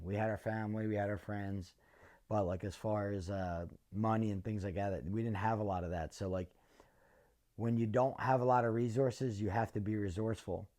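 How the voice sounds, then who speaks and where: A middle-aged man speaks in a lowish, mellow voice. He answers reflectively and earnestly, with frequent pauses and filler words between his thoughts. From North Philadelphia. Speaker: interviewee, former fighter.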